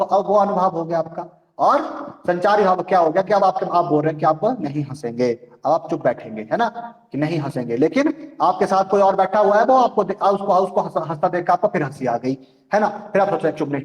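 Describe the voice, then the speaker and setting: A man's voice: on the high side, dull audio. A male teacher giving an online class, explaining with rhetorical questions and often checking that students follow. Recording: echoey room.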